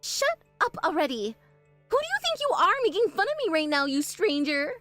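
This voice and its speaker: A spoiled young bride snaps and whines in a high, darting voice, as a woman acts her out. She is bossy and defensive, and her lines swing wildly in pitch. It is recorded close and dry over faint music. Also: big pitch swings, fairly quick, no room sound. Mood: shrill. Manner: shrill, demanding, defensive. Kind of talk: animated story voice acting.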